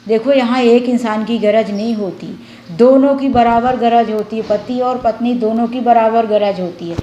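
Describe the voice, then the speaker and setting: A woman's voice: a little high, steady tone, moderate pace, warm tone, highs cut off. A woman vlogger giving marriage advice, lecturing viewers directly and acting out family quarrels. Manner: preachy, addresses viewers directly as sisters and friends. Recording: echoey room with faint background noise.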